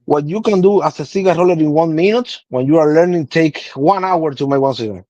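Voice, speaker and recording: Speaking fairly high and fairly quick, this mellow-voiced guest cigar blender is a Cuban man in his thirties whose native tongue is Spanish. He patiently explains in broken English with a Cuban Spanish accent in a relaxed interview, and the muffled recording has no echo.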